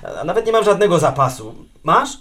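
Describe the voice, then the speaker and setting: An actor playing a fussy, grumbling middle-aged husband in a radio comedy, exasperated one moment and wheedling the next. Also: male voice, sits high, quick pace. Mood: flustered. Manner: exasperated, wheedling, lively intonation.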